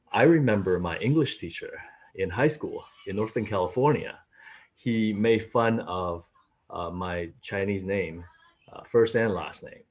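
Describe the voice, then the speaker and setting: A Taiwanese man in his late thirties, a panelist in a casual video-call discussion from a room at home, recounts his own experiences in an animated way, his voice jumping up when he quotes people. He has a fairly low, husky voice picked up by his laptop mic.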